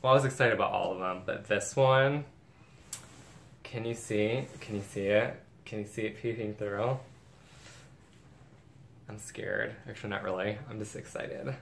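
Speaking a little slowly with long pauses, a man with a lowish, creaky, fairly bright voice keeps a steady tone. He's a vlogger casually unboxing bags, gushing and chatty, in an echoey space with faint background noise.

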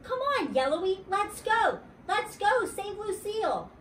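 A bold, chatty little girl from a storybook, as a woman reads her aloud, bouncing up and down in pitch with childish, ungrammatical talk. Her voice sits fairly high and swoops with life. The sound is roomy, as though the reader is sitting back from the mic. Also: sing-song, moderate pace, fairly bright tone, recorded from a distance, slight background noise. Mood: excited.

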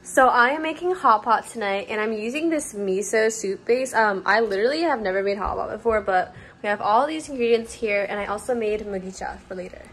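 This casual handheld vlog comes from a young college student who is her sorority's rush chair, talking to a phone at arm's length with a bubbly, girly manner. Her medium-pitched, slightly bright voice moves fairly quickly with few pauses, while room and street ambience fill the noisy recording.

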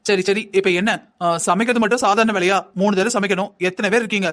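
A man's voice: high-pitched, steady tone, a bit bright. A man voicing a young wife in a cartoon family drama, envious and complaining, who nags her husband in a whining, insistent way. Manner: nagging, whining, quick and insistent. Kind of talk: Tamil cartoon voice acting.

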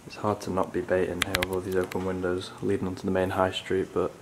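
Low flat-voiced man exploring an empty mall. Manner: low-key, thinking aloud with pauses. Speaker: urban explorer. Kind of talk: casual on-site commentary. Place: large empty abandoned shopping centre indoors. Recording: steady background noise.

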